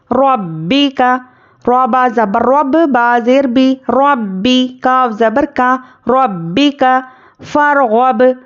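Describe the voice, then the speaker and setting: A woman with a fairly high voice teaches tajweed step by step. She spells out each letter patiently and draws the recited words out slowly. The audio is dull and slightly lo-fi. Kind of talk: word-by-word tajweed lesson.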